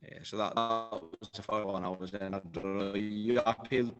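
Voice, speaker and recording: A man's voice: on the low side, fairly even intonation, normal speed, a bit bright, soft background music, rough recording. A man leading a casual discussion among coaches on a video call, chatty and thinking aloud as he goes.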